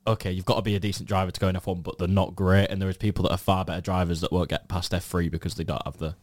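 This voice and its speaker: A man's voice: sits low, level tone, very fast, no room sound. A man with a Yorkshire accent chatting casually as a podcast co-host. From Yorkshire, England. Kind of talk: casual discussion.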